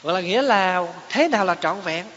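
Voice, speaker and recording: A man's voice: sits high, lively intonation, fairly quick, fairly bright tone. Man, Buddhist teacher, dharma talk, rhetorical questions, dull lo-fi recording, faint hiss. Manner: explains terms, poses rhetorical questions to listeners. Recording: echoey hall, dull lo-fi sound, faint hiss.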